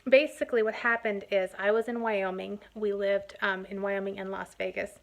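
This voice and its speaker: A woman telling an emotional personal testimony in an earnest, halting way, full of restarts and fillers. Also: mid-range voice, steady tone, gravelly. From United States. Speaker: host sharing a personal testimony.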